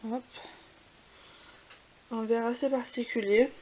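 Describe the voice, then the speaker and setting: A woman's voice: on the high side, steady tone, takes it slowly, darkish tone, lo-fi sound. A woman with a French accent, chatting casually with many fillers while showing makeup swatches. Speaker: beauty vlogger. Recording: faint hiss.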